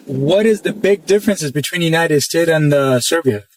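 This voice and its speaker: A man's voice: on the high side, normal speed, distant mic, low-quality recording. Man asking brief interview questions. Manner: brief upbeat questions and reactions. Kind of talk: casual street interview.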